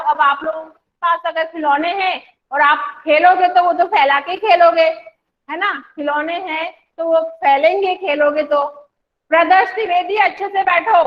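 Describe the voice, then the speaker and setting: A woman with a very high voice teaches young children in a class held online. She explains in simple words and recites the poem slowly and clearly. The sound comes through dull and lo-fi. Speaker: primary school teacher.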